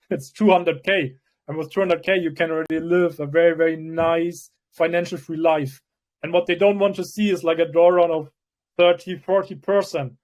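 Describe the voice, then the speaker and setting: A man from Germany, a crypto project founder, answering interview questions in a measured way with frequent restarts. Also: on the high side, darkish tone. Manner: measured, restarts often, plain explanatory tone.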